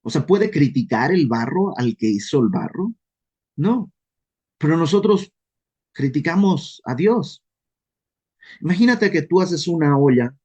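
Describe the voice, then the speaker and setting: A man with a Mexican accent leading a casual verse-by-verse Bible study, lively and self-deprecating, often acting out questions in quoted voices. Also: a little high, measured pace, pauses often, husky. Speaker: Bible teacher.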